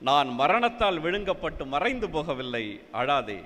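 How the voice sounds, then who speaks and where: A man voicing a gentle holy man who consoles a weeping woman, with soothing repeated refrains, in a church hall. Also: a little high, sing-song, normal speed. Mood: consoling.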